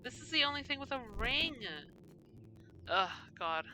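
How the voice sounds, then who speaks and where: A woman's voice: sits high, very animated, unhurried, bright, forceful tone, faint music behind, low-quality recording. A woman streamer giving casual commentary while she plays a game, muttering to herself and breaking into exasperated cursing.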